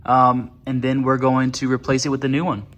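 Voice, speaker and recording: A man's voice: medium pitch, monotone, a little fast, a bit bright, reverberant. A man talking casually and plainly, in vlog style, as he explains repair work. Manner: informal, plain-spoken. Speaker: vlogger, hobby motorcycle mechanic.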